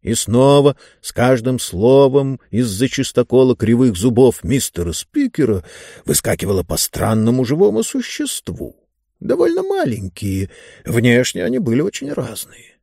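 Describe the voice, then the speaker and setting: Male audiobook reader; very lively intonation, dry booth-like sound, expressive storyteller. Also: mid-range voice, moderate pace, vocal fry, slightly rough, dry recording. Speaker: narrator. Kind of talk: scripted audiobook narration.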